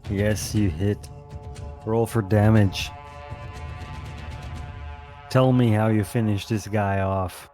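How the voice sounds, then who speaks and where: A man running a tabletop game as game master, relaxed and often laughing. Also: lowish voice, slow, pauses often, faint music behind. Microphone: online voice chat.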